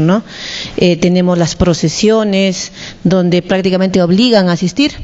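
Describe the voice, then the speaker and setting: A Peruvian woman speaking up in a workshop discussion, animated and using rhetorical asides. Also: mid-range voice. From Peru. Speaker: participant. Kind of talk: discussion contribution. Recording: dull audio in a reverberant hall.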